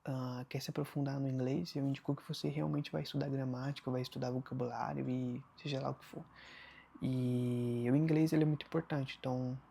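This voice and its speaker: Gravelly, husky Brazilian man. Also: mid-range voice, flat delivery, a little fast, mellow. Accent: Brazilian Portuguese. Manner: loose, rambling, heavy on fillers. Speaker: vlogger. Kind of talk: casual talking-head advice.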